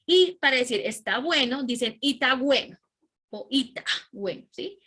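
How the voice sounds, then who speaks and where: A woman teacher giving an animated class and often checking in with her students. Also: mid-range voice. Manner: animated, keeps checking in with "¿sí?" and "¿listo?". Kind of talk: online class lecture.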